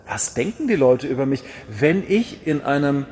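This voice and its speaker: A man preaching a sermon in a lively, rhetorical manner, with wry asides and repeated refrains. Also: medium pitch, normal speed, slight background noise.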